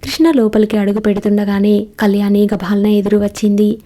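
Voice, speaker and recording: A woman reading a novel aloud as a storyteller, with steady, even narration. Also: medium pitch, brisk.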